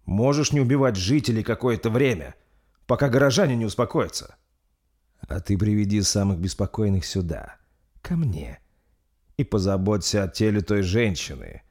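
A man voicing an ancient vampire master, speaking slowly with cold menace. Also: fairly low pitch, animated, darkish tone. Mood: cold commanding. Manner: slow, measured, menacing.

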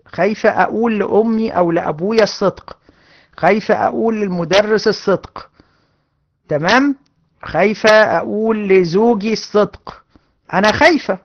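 A woman's voice: medium pitch, a bit bright, muffled recording. A woman with an Egyptian accent teaching a religious lesson to a class of women, earnest and given to repeating her points. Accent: Egyptian Arabic. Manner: earnest, repetitive, addresses class directly. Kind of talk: hadith lesson to women students.

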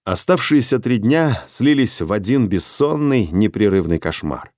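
A man narrating a dark story as an audiobook, in a steady, measured reading. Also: on the low side, no echo, clean studio sound.

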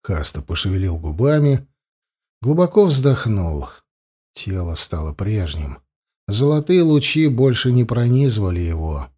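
A man reading a fantasy novel aloud as an audiobook narrator, calm and measured. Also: on the low side, slightly rough. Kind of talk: scripted narration.

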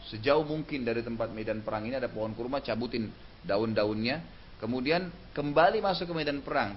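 A man delivers an Islamic lecture in an easy, conversational tone, tacking short tag phrases onto his points. His voice sits in a middle pitch. The recording is dull and lo-fi, with a faint hiss underneath. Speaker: preacher.

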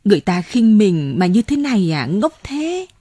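A woman's voice: medium pitch, sing-song, moderate pace, mellow, breathy edge, dry recording, studio quality. A woman reading an audiobook voices a frightened older woman who pleads urgently and breathlessly. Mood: tender insistent.

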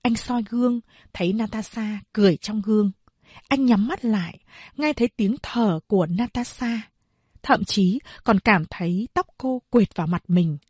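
A woman narrating an audiobook of a novel in a slow, steady storytelling voice. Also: mid-range voice, husky, no room sound.

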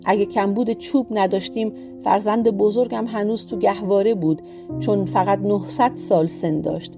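A woman's voice: mid-range voice, steady tone, music in the background, lightly acted. A woman voicing a fierce, vengeful old witch who is the mother of giants, cursing and threatening in a storybook reading.

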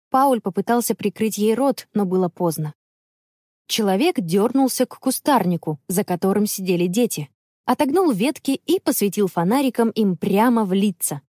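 A woman telling a children's story in measured, expressive audiobook narration. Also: mid-range voice, no echo, studio quality.

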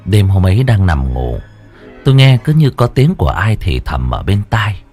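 A low-pitched man reads a ghost story aloud with dramatic tension, his voice rising and falling sharply from line to line. Faint music plays underneath. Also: sing-song, normal speed, darkish tone. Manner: dramatic, tense storytelling with wide swings in pitch. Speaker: narrator. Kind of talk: scripted horror story narration. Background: faint background music.

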